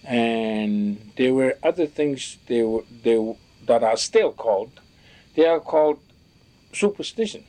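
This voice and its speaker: A man recalling what elders taught him, talking in a reflective, halting way with many restarts as he searches for words. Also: mid-range voice, animated, dark tone. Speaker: storyteller recalling teachings from elders. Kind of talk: reflective spoken recollection.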